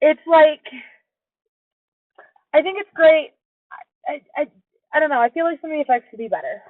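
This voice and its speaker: A woman's voice: high voice, expressive, moderate pace, dry recording. A woman co-hosting a podcast in casual, informal chat, giving her opinions freely. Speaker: podcast co-host. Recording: dull lo-fi makeshift recording.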